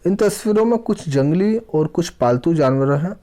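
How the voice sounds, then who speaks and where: Reading aloud and explaining in a children's language lesson, this man intentionally pauses and repeats words and phrases. His voice is on the high side, animated and warm.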